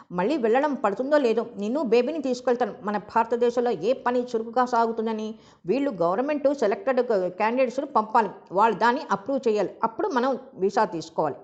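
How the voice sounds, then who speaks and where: A woman's voice: a little high, lo-fi sound, lightly acted. A woman reading the part of a wealthy, indulgent middle-aged father who explains things at length.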